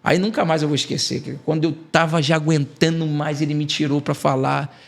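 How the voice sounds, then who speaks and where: A Brazilian man with a slightly high, gravelly voice speaks briskly as an evangelist guest on a podcast. He delivers an emotional testimony, telling the story with animation and dramatizing the dialogue.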